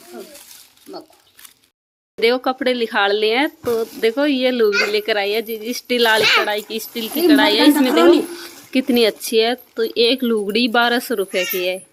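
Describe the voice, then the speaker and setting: High-pitched village woman vlogging, chatty with her viewers, lots of outdoor noise. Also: normal speed. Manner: chatty, addresses viewers as friends. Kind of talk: casual village vlog narration. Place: outdoors on a farm and at home. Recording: noisy outdoor phone recording.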